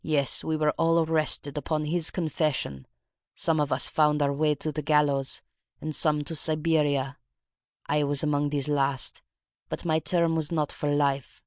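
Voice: mid-range voice, little pitch movement, a little slow, smooth, no room sound, close to an everyday voice. Reader doing a grave Russian woman revolutionary, dignified, confessing, audiobook, dry close sound. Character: proud guilt-ridden Russian woman revolutionary. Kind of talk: audiobook reading.

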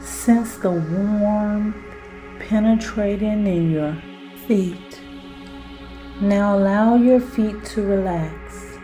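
A woman guiding a self-hypnosis relaxation in a soothing, deliberate manner, like a sleep story narrator. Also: mid-range voice, warm tone, faint music behind. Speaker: podcast host and relaxation guide.

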